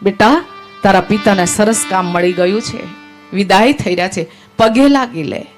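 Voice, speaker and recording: A woman's voice: medium pitch, moderate pace, soft background music, natural voice. A woman voicing a loyal, selfless queen in a devotional story, speaking earnestly and resolutely.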